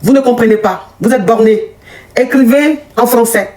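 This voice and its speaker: A middle-aged woman coach ranting at her online critics in a scolding, mocking, repetitive way, her voice jumping up in pitch as she gets heated. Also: moderate pace, darkish tone. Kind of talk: angry rant on a live video.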